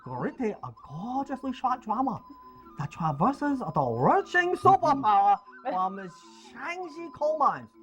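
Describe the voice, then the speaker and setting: A man's voice: very high voice, big pitch swings, unhurried, a bit bright, muffled recording, soft background music, pitched above the performer's own voice, heavily acted. A man reading film blurbs in an exaggerated, put-on Chinese accent. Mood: mock-dramatic.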